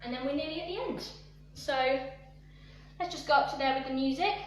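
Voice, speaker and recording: A woman's voice: sits high, brisk, far from the mic. A young woman leading a live online dance workshop, talking through the moves and counting and singing along to the music. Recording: echoey room, voice away from the mic.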